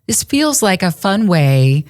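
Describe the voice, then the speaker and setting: A slow-paced woman with a lowish, slightly mellow voice sounds very animated while she retells a Bible story, laughing often and chatting casually. She co-hosts a faith podcast and works in radio and podcasting. The studio microphone gives a dry, clean studio recording.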